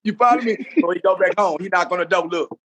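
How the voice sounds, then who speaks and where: A man in casual chat, telling a long joke with animated delivery and often repeating words as he stumbles through it. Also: sits high, fast. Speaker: co-host.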